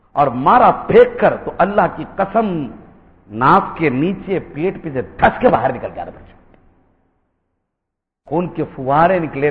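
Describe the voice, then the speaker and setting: A man preaching an impassioned sermon, swinging between loud outbursts and hushed, drawn-out lines. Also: on the high side. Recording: reverberant hall, dull lo-fi sound.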